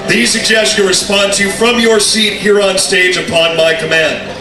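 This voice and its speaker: A man's voice: high voice, flat delivery, normal speed. A man working as a stage hypnotist, addressing audience and volunteers in a commanding patter full of repeated phrases. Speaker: stage hypnotist, show host. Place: large echoey hall on stage. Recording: echoey hall PA from far off, music and crowd. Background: music and crowd noise.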